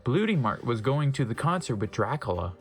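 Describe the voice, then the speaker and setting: With big pitch swings and a brisk pace, a man with a mid-range voice gives a dramatic comedic reading of fan fiction over soft background music. He trips on the odd, misspelled wording, commenting wryly and dropping offhand asides.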